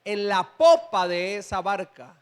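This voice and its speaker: A man's voice: high-pitched, big pitch swings, unhurried, clean tone. A male pastor preaching a sermon in a church, reading scripture and addressing the congregation with rising emphatic bursts.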